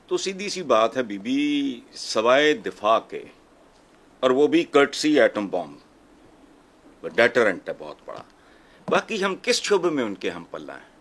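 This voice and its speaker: A man's voice: mid-range voice, a bit bright. An older man giving heated, sarcastic political commentary on a TV talk panel, speaking with scorn and heavy emphasis.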